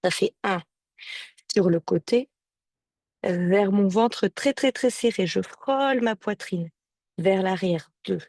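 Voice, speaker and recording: Slow, calm woman guiding a yoga class. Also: mid-range voice, no room sound. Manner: calm, slow step-by-step instructions with breath counts. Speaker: yoga teacher. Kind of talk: guided yoga class cues. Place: home or studio, streamed on a video call. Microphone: video call microphone.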